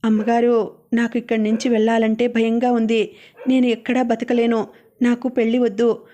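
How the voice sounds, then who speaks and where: A woman reading as a timid young servant girl, meek and pleading, fairly high voice, mellow and even, storybook audiobook. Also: normal speed, lightly acted. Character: timid young orphaned maid, fearful and devoted.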